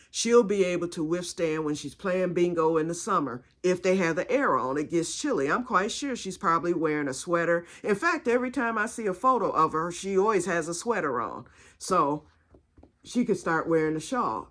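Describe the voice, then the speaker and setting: A woman vlogger chatting casually about her crochet project, drifting into family stories as she goes. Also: lowish voice. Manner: rambling, digressive storytelling. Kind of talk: casual chat.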